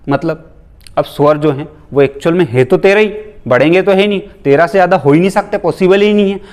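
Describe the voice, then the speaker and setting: A man teaching grammar in a casual exam-prep lecture, firing rhetorical questions at students and breaking off into joking, teasing asides. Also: high-pitched.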